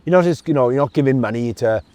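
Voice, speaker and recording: A man with a Welsh accent, a guest in a casual interview, telling stories in an expressive, emotional way. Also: medium pitch, fast talker, no echo.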